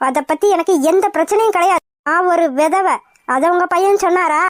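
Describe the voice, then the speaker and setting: A woman voicing a defiant young widow, very high voice. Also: a little fast, a little hiss or hum. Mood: earnest. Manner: earnest, defiant. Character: young widowed woman doctor, proud and hurt. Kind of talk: cartoon voice acting.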